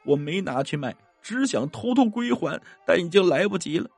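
A man's voice: a little high, big pitch swings, unhurried, vocal fry, breathy edge, no echo, soft background music, pitched above the performer's own voice, heavily acted. A man voicing a remorseful young male servant who pleads through tears. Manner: sobbing and pleading.

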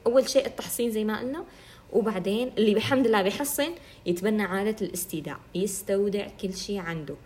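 A woman's voice: mid-range voice, darkish tone. A woman giving an earnest religious self-help talk, telling stories animatedly and imitating other people.

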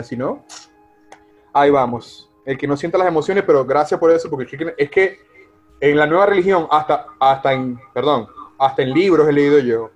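A man's voice: fairly high pitch, darkish tone, lo-fi sound. A man hosting a live online coaching talk over a video call, emphatic and speaking directly to listeners by name. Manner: emphatic, addresses listeners by name, frequent self-corrections.

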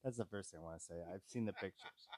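A man's voice: low-pitched, quick pace, a little mellow, no room sound, clean studio sound. A man co-hosting a podcast in casual chat, rambling, swearing freely and restarting his sentences. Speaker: podcast co-host.

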